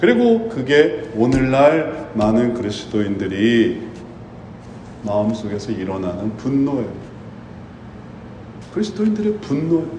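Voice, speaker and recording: A man preaching a sermon in an animated way, often acting out imagined believers. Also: medium pitch, a little slow, pauses often, background noise. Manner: animated, voices imagined believers in quoted speech. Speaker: pastor. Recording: echoey room with faint ambience.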